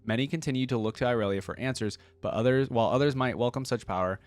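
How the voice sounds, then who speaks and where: Hosting a reaction video, a man reads lore aloud and comments on it informally, packing in fillers and exclamatory asides. His mid-range voice moves at a quick pace, and the recording is dry.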